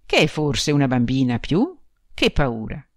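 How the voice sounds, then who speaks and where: A woman's voice: a bass voice, big pitch swings, a little slow, dry recording, clean studio sound, heavily acted. Woman reading as a coaxing country mother. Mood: insistent. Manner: urging, insistent. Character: anxious middle-aged country mother, coaxing.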